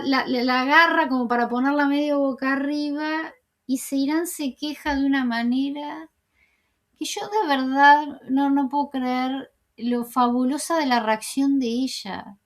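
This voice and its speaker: A woman with a high, light voice talks through a series scene by scene in an easygoing way. She wanders, corrects herself, and leans on fillers. When she quotes a character she slows down and softens. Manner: rambling, many fillers and self-corrections. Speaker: TV series commentator. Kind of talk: casual scene-by-scene recap.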